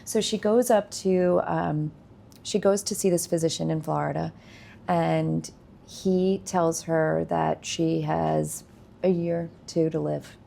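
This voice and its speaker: A woman telling a long story in a casual interview, animated, acting out what other people said. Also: deep voice, slow, creaky, a little hiss or hum. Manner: animated storyteller, acts out quoted speech. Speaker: guest, nursing company founder.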